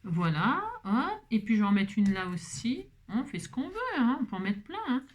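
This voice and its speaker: A woman's voice: mid-range voice, big pitch swings, moderate pace. A woman hosting a craft tutorial, chatting playfully to herself and her viewers and breaking into song.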